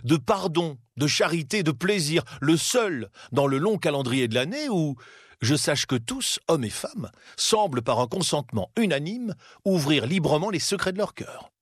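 Cheery young guy in a storybook, a man doing the voice, high, bouncy. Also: big pitch swings, slow, few pauses, no echo, clean studio sound, heavily acted. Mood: earnest. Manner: cheerful, enthusiastic. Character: cheerful young man, warm-hearted nephew.

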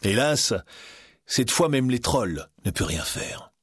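A man narrating a storybook in an expressive, animated way. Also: medium pitch, takes it slowly, slightly rough. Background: music.

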